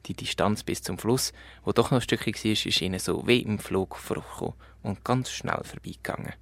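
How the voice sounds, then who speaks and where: A man with a Swiss German accent telling a children's story in a gentle, unhurried way. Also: fairly low pitch, creaky, no echo.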